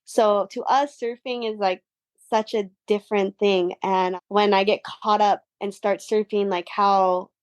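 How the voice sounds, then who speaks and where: A woman's voice: medium pitch, fairly even intonation, measured pace, dry recording. Earnest young woman, dry close mic. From Hawaii. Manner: earnest, heavy use of "like" fillers. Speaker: guest, professional surfer. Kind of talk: casual reflective interview talk.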